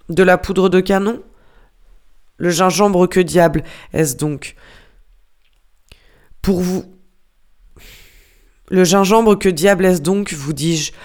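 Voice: medium pitch, a little mellow, lightly acted. Reader putting on a grumpy sea-mate guy, all sarcasm, firing questions one after another, audiobook. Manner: mocking, hammering rhetorical questions. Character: irate, sarcastic male ship's mate scolding a steward. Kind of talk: audiobook character reading.

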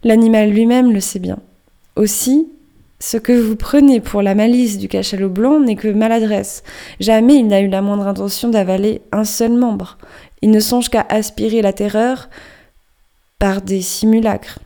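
A garrulous male ship's doctor, as a woman reads him in a storybook reading. He lectures with a knowing, anecdotal air. The tone is soft and mellow. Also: medium pitch, fairly even intonation, measured pace, close to an everyday voice. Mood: chatty.

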